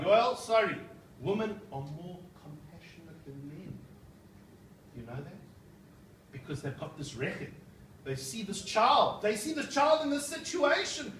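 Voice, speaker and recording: A man, a rabbi, giving a lively seminar talk to an audience, often asking them questions and tagging lines with "right?". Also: high-pitched. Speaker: rabbi and motivational speaker. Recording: echoey room, mic far off, faint noise.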